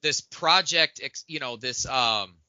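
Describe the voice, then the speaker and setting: Man, excitable podcast co-host, very bright sharp tone, dry close sound. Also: medium pitch, slow, no echo, lo-fi sound. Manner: excitable, loose, laughing. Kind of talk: casual tech chat.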